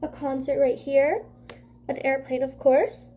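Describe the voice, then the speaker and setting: A woman's voice: high-pitched, little pitch movement, unhurried, highs cut off. A young woman with a stuffy, congested voice chatting casually through a makeup vlog, rambling with constant fillers. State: congested from a cold. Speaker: beauty vlogger.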